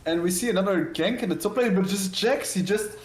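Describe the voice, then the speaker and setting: This man's voice is high and a little fast, with reverb and slight background noise. He's an esports caster giving casual play-by-play of a live game on a new microphone, heard through a voice call.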